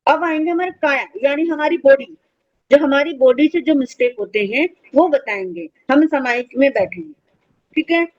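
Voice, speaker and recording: A woman with a high, light voice teaches children in an online class. She explains each point patiently and poses questions she then answers herself. The sound is dull and lo-fi. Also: expressive, moderate pace.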